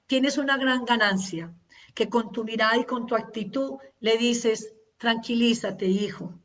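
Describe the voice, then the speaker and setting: Slow, earnest woman teaching, distant mic. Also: fairly high pitch. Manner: earnest, repeats words for emphasis. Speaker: parenting masterclass speaker. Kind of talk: slow, measured teaching talk with long lists.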